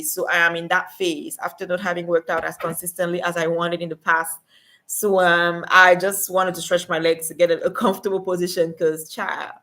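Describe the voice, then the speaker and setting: A woman's voice: lowish voice, a bit bright. A woman from Cameroon hosting a casual livestream, giving remote work advice and chatting with viewers, with many fillers.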